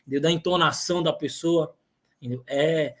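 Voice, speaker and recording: A man who is a guest in a casual podcast chat, talking in a calm, explanatory way. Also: a little high, moderate pace.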